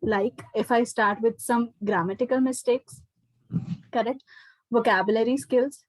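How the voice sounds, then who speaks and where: On an indoor online class video call, an Indian-accented teacher explains things to a parent as she gives feedback, regularly asking "okay" and "right?". Her voice is on the high side, with a steady tone and measured pace, captured in a dry, rough recording.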